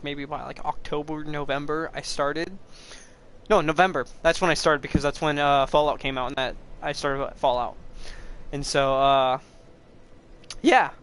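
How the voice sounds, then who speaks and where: A young man rambling through live gameplay commentary as a streamer, excitable and swearing at the game. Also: a little high, smooth. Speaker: gaming streamer.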